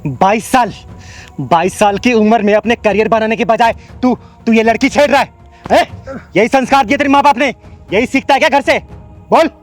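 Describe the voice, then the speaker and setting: A man's voice: very high-pitched, normal speed, soft background music. A man playing a fierce, street-tough transgender woman who scolds and lectures in a sketch drama. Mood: scolding. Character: fierce bold transgender woman enforcer, Chingari. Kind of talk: Rajasthani comedy sketch drama.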